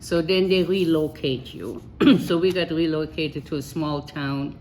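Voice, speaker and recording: An older woman with a low voice tells her life story in a relaxed, matter-of-fact way, laughing easily. A faint hiss sits under her voice. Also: measured pace. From Germany. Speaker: interviewee. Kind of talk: oral history interview.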